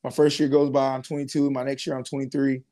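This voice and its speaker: A man's voice: medium pitch, quick pace. A man in his twenties, a former pro football player, telling his story in a casual interview with slang and lots of fillers. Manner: relaxed, casual slang, many fillers and restarts.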